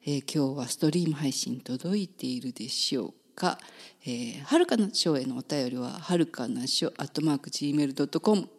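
A woman from Kyoto with a Kansai accent, hosting a casual live talk show from a radio studio and chatting with quick side remarks. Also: rumbling low, lively intonation, a little mellow, husky. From Kyoto, Japan.

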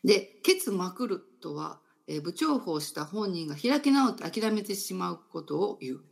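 Low gravelly woman host explaining. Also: very animated. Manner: thoughtful, explains slowly with many fillers. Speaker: radio host. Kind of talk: casual explanatory talk about dialect.

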